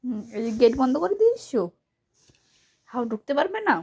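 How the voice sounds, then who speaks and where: A woman filming her young daughter at home at night, talking to her in a playful, coaxing, hushed way. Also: high voice, very animated, brisk, husky. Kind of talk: casual home video chat with a child.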